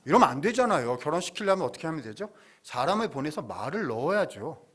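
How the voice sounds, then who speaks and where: A male pastor preaching a sermon in a church, retelling a story with lively asides and frequent questions to the congregation. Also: a little high, quick pace, husky. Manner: animated storytelling, asks congregation along.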